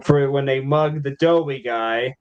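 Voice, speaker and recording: A man from the American Midwest, a podcast guest chatting casually, animated and full of restarts. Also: medium pitch, a little slow, lo-fi sound, crowd noise. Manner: animated, restarts a lot, many "like" fillers.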